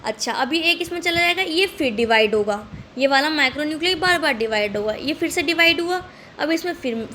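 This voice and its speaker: Female teacher, high pitch, drills students with repeated questions, light background hum. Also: fairly bright tone. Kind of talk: lecture.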